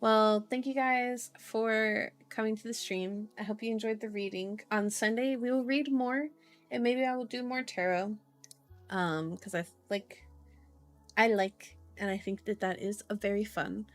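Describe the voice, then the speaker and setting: An unhurried woman with a steady, mid-range voice hosts a laid-back livestream of tarot and horoscope readings. She mixes casual chat with reading cards aloud, musing as she goes and often drawing out her words.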